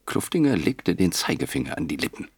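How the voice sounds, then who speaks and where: A man reading an audiobook in a measured, wry storytelling manner. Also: sits low, very animated, creaky, slightly rough, no room sound, studio quality. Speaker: audiobook narrator. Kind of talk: scripted narration.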